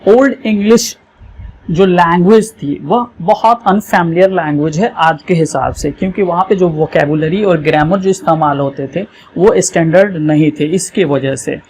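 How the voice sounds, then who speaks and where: A teacher, giving an exam revision lesson over a map, explaining slowly and often checking that students follow. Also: medium pitch, a little mellow, slight background noise.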